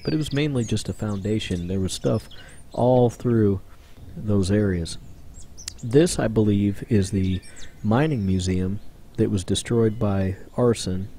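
An urban explorer vlogger narrates a voice-over for his own exploring video in a casual, rambling, chatty way packed with fillers. His voice sits lowish with a dark tone, and there's a slight hiss or hum on the recording.

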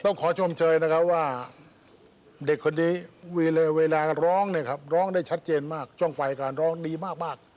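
A man's voice: a little high, fairly even intonation, a little fast, darkish tone. A man giving an enthusiastic, praising critique of a singer as a TV contest judge. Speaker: talent show judge. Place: TV studio with audience.

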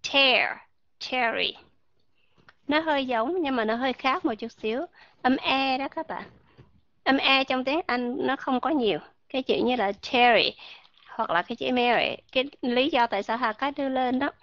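Bright-voiced woman teaching pronunciation. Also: sits high, dry recording, muffled recording. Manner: explains slowly, models English sounds, asks learners questions. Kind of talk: online pronunciation class.

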